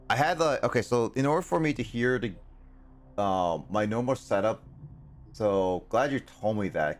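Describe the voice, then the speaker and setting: A young man giving casual live gameplay commentary, rambling and hesitant as he thinks aloud. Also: lowish voice. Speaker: video game streamer. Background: game music.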